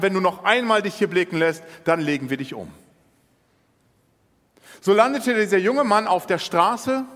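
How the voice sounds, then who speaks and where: Brief: a male preacher telling a parable with dramatic flair, bright high voice ringing in a big reverberant hall. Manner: vivid, dramatic storytelling. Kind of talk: sermon retelling a parable.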